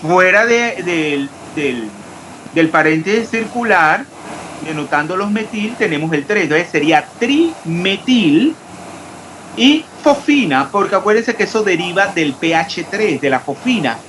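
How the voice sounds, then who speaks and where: A man's voice: high-pitched, animated, a little slow, a bit bright. Man lecturing chemistry, noisy background. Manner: questioning, repeats terms, spells out formulas. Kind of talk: online class lecture.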